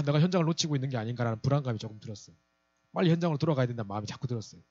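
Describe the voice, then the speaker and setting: A man's voice: a little high, a little mellow, dry recording, lo-fi sound. A man in his forties, a pastor giving an evangelism lecture and telling a personal story, acting out the people he quotes. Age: 40s.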